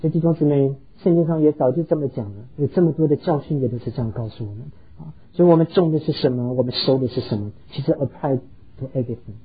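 A man's voice: medium pitch, fast talker, breathy edge, phone-quality sound. A pastor preaching a sermon, earnestly telling stories and slipping English words into his talk. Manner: earnest, heartfelt storytelling.

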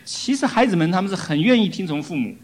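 A man with a high, animated voice preaching a sermon. He speaks in short, measured teaching phrases and pauses after each one. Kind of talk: sermon in Mandarin with interpreter.

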